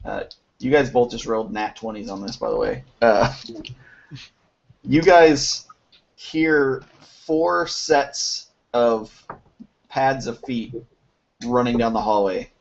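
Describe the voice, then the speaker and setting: A man acting as game master, narrating a tabletop game in a loose, halting way with frequent laughs. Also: medium pitch, animated, gravelly. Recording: dull lo-fi home recording with faint noise.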